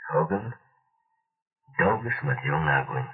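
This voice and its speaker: A man narrating a crime novel in a measured, steady reading, on a tinny lo-fi recording. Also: deep voice, vocal fry, far from the mic. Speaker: audiobook narrator. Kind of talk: scripted narration.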